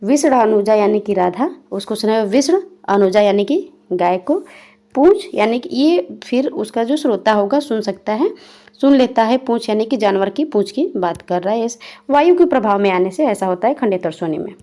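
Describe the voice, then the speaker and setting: Reading each definition and then explaining it again in plain language, a young woman teaches Hindi grammar for exam preparation, going through examples one by one. She speaks at normal speed in an expressive, warm, mid-range voice.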